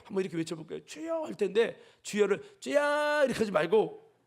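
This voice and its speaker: A man preaching a Sunday afternoon sermon as senior pastor, swinging from hushed whispers to shouted peaks and joking with his congregation. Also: high voice, sing-song, a little fast, gravelly. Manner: jokes with and calls on congregation members; leads the congregation in crying out.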